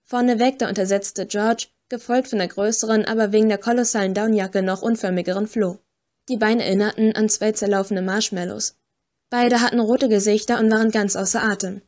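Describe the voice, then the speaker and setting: A woman reading first-person audiobook narration in a clear, even storytelling manner. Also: medium pitch, brisk.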